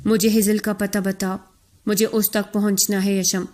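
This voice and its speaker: A woman's voice: flat delivery, darkish tone, close to an everyday voice. A woman voicing a proud, angry young man who speaks with cold contempt in a storybook reading. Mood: contemptuous. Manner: cold, contemptuous, growling low.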